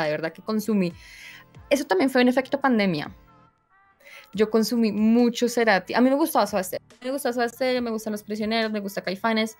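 Young female streamer guest, expressive storyteller, bright higher register, light music bed. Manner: animated storyteller, voices her own reactions. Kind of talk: casual interview chat.

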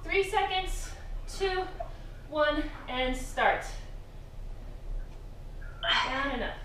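Woman in her 30s, fitness instructor, high bright voice, upbeat countdowns, filmed from far off in an echoey garage gym. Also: animated, very slow, slight background noise. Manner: upbeat, counting down, cheerful encouragement with laughs. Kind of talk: live workout coaching. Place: home garage gym, indoors. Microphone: far camera, exercising while talking. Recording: echoey room, voice from a distance.

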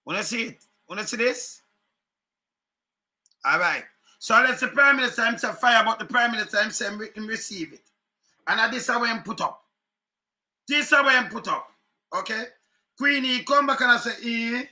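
Speaking patois into a desk webcam at home, a middle-aged Jamaican man hosts casual online political commentary. His high, sharp, bright voice moves at normal speed with long pauses. Animated and chuckling, he gestures a lot and keeps circling back to repeat the same phrases and points.

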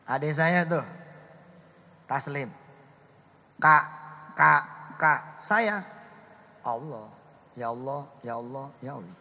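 A man preaching a lively sermon, swinging from loud bursts to hushed asides as he talks with his audience. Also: medium pitch, slow, pauses often. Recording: hall reverb.

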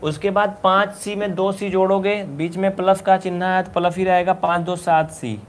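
A man teaches basic algebra in a live online class, his voice sitting high for a man. He talks briskly and coaxingly, pushing students to answer quickly and scolding them playfully now and then. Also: fairly even intonation. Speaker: maths teacher.

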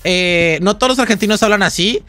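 Bright, high-voiced young man gaming. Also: a little fast, soft background music. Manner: chatty, excitable, talks to viewers. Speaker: gaming youtuber. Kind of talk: gameplay commentary.

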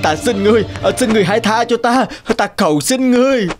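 A man voicing a greedy, cruel old landlord in a cartoon, blustering and shouting. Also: a little high, sing-song, normal speed. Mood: panicked. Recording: cartoon with music behind.

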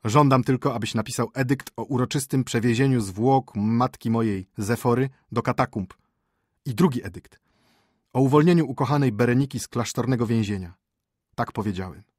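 A man's voice: medium pitch, normal speed, a little mellow, dry recording, clean studio sound, voice pushed up, close to an everyday voice. A man voicing a dying young prince, anxious and pleading, his voice raised and urgent. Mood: commanding.

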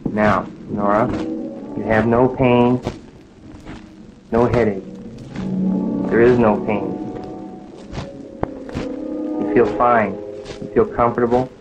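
An actor playing a calm hypnotist who talks someone into sleep with slow, repeated commands, in an old film. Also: male voice, medium pitch, lightly acted. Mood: soothing. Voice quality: slow, soothing, repetitive commands. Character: calm male hypnotist putting a woman under. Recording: dull old film soundtrack with music.

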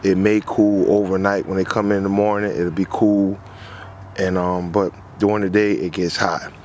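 A man's voice: low-pitched, level tone, moderate pace, darkish tone, a little hiss or hum. A man, an HVAC technician, walks through a repair job in a casual, rambling way, repeating himself as he goes, recorded outdoors on a phone. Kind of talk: casual explainer walkthrough. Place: outdoors on a lawn.

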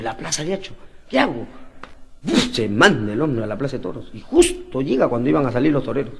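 Slangy, lively joke teller. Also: male voice, fairly high pitch, vocal fry. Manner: lively, slangy storytelling with big voice swings. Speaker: comedian. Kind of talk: stand-up joke telling.

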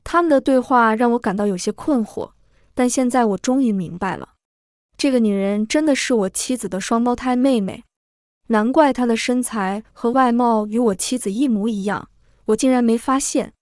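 A woman narrating a dramatic story in a steady, even reading manner. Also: on the high side, normal speed, dry recording, clean studio sound.

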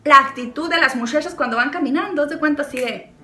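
Bright, high-voiced Mexican woman vlogger. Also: quick pace. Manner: animated, laughs often, acts out quotes. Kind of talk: chatty storytelling and advice. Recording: echoey room with faint music.

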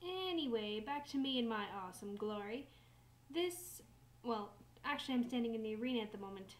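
A woman's voice: on the high side, animated, a little fast, close to an everyday voice, poor audio. A teen girl voicing a chatty young barn hand on a tour. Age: late teens. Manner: chatty, hesitant, self-correcting. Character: young woman barn worker giving a tour. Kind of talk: doll video role-play narration. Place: home room, doll barn set.

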